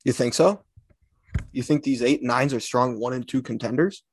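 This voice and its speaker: A man's voice: mid-range voice, normal speed, husky. A man co-hosting a casual podcast with a dry, joking, laid-back way of talking. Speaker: podcast co-host.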